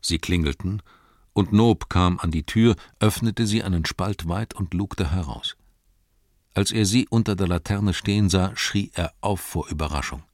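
A man narrating an audiobook in a measured, expressive storytelling manner. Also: deep voice, no echo, clean studio sound.

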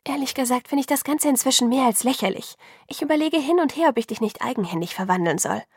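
Alice, a bright young vampire as a woman voices her. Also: high-pitched, husky, no room sound, clean studio sound, pitched above the performer's own voice, full character voice. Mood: lively. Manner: brisk and lively, talks fast when excited. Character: quick, bright young female vampire seer. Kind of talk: audiobook reading.

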